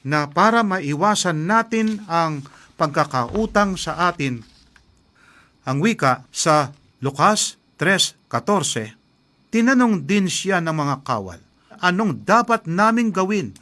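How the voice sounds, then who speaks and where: Bright-voiced preaching man. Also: fairly high pitch, animated, slow. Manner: earnest, storytelling, addresses listeners as friends. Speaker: pastor. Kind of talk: radio sermon.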